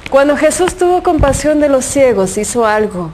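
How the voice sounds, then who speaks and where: A woman's voice: sits high, big pitch swings, normal speed, darkish tone, slight background noise. A woman giving a reflection on a Gospel passage, earnest and fervent, with many rhetorical questions. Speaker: religious speaker reflecting on the Gospel.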